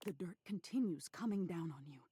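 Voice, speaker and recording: A woman reading scripted second-person narration for a game in a measured, suspenseful way. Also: on the low side, animated, warm tone, breathy edge, no echo, studio quality.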